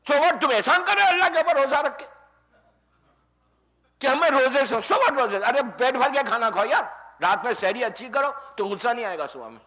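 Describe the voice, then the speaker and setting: A man preaching a Ramadan sermon. He talks to the audience like friends, swinging from loud exclamations down to near-whispered asides. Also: very high-pitched, lively intonation, normal speed. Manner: conversational, addresses audience as friends. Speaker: Islamic preacher. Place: mosque or community center hall.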